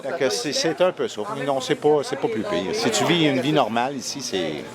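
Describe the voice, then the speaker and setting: An older man from Quebec with a Québécois accent, a retiree chatting in a street interview and telling stories in an animated way. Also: medium pitch, fairly quick. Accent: Québécois French. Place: outdoors in a busy street. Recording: loud crowd noise behind.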